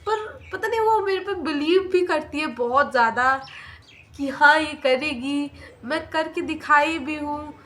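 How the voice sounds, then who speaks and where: A woman's voice: sits high, a little slow, a bit bright. A young woman tells a personal story in an emotional, confiding way and slips English phrases into her talk. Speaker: vlogger.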